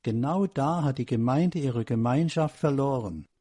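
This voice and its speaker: A man's voice: medium pitch, moderate pace, dark tone, husky. A man preaching a sermon, pressing the congregation with emphatic rhetorical questions.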